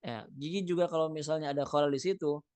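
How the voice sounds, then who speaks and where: A man's voice: on the high side, fairly even intonation, fast talker, darkish tone, no room sound. Casual man teaching Arabic text. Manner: reads phrases in Arabic, then explains them casually with fillers. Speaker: Quran recitation teacher. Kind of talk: explaining a text line by line.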